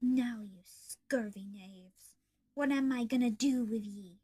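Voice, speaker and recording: A woman voicing a menacing male pirate fox robot with slow, sinister pirate talk. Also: on the high side, warm tone, slightly rough.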